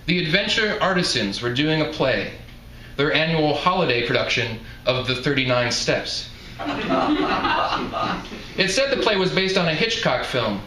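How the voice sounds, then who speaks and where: At a live reading before an audience indoors, a man narrates his own literary work like an author presenting it. His voice sits a little high and is very animated, moving at normal speed with long pauses. The venue sounds roomy and echoing, with some noise.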